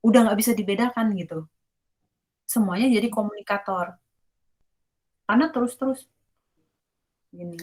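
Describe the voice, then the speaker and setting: A woman teaches a university course over a video call, her voice sitting at an ordinary middle pitch. She explains in a loose, conversational way and slips English terms into her speech. She pauses often to ask whether the class is following. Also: darkish tone. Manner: explains casually, checks if students understand. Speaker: university lecturer. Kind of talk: online class lecture.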